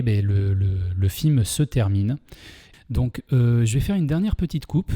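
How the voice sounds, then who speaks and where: A man's voice: medium pitch, dark tone. A man with a French accent hosting a casual film review, chatty and full of hesitations. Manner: chatty, many fillers and restarts. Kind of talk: casual video commentary.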